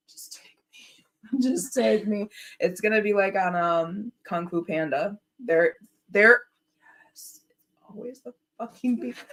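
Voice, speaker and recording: A woman telling stories in casual chat, animated and profane, often laughing as she talks. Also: mid-range voice. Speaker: talk show participant.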